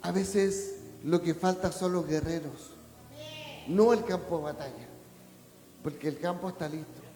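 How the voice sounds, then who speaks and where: Un hombre pastor que predica un sermón, pregunta a menudo a la congregación si le entiende y sube hasta gritar en los momentos fuertes. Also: male voice, a little high, unhurried, a little hiss or hum. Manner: preaching, rising to a shout at climaxes; asks the congregation rhetorical questions. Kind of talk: sermon. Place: church hall. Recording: echoey church hall with long reverb.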